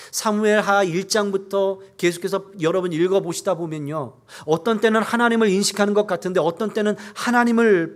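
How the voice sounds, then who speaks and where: A male pastor delivers a sermon in a notably high voice. He preaches earnestly, pushing harder on key points before sinking back down. He reads scripture in a steady, measured cadence. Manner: earnest preaching, rising in force at key points then dropping low.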